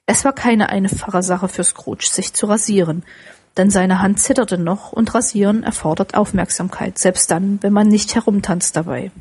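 A woman reading a classic story as an audiobook narrator, in a steady, expressive storytelling manner. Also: medium pitch, moderate pace, breathy edge.

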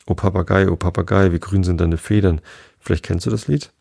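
A man's voice: low voice, fairly even intonation, fairly quick, creaky, warm tone, no echo, studio quality. A man voicing a sad, fussy Hatter at a tea party, speaking with sighs. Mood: sorrowful. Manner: sighing, sorrowful.

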